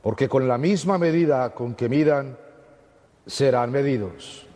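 Priest proclaiming in cathedral echo. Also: male voice, mid-range voice, dark tone. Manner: solemn, measured proclamation to a congregation. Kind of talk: liturgical Gospel reading and homily. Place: large church, amplified, cathedral-like echo. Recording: echoing church hall with long reverb.

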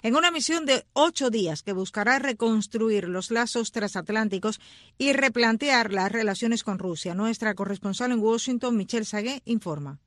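A woman's voice: fairly high pitch, lively intonation, moderate pace, fairly bright tone, no room sound. Female news anchor, dry studio sound. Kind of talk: scripted news reading with brief handovers.

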